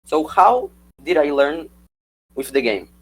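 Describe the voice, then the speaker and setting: A young student whose first language is Portuguese reads a prepared script for a slide presentation, asking for the next slide as he goes. His voice is fairly high and sing-song, his pace slow, and the recording is low quality.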